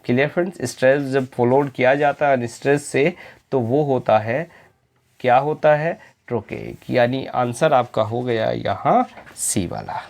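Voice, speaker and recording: A male teacher giving an exam-prep lecture, reading English definitions slowly and often asking the students if it is clear. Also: mid-range voice. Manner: slow, drawn-out reading of English definitions, quizzing questions to students; repeatedly asks "clear friends?".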